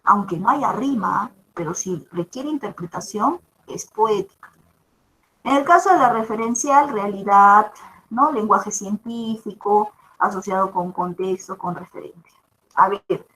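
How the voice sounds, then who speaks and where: A woman's voice: a little high, bright, forceful tone, a little hiss or hum, rough recording. A woman teacher gives a virtual class lecture, explaining with examples and often checking in with the students. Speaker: language teacher.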